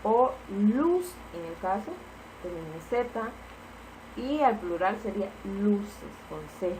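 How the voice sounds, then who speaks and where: A woman's voice: medium pitch, animated, takes it slowly, dark tone, slight background noise, low-quality recording. Patient woman teaching spelling rules. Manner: patient, explanatory, repeats key points with "entonces". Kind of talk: spelling lesson, explaining rules with examples.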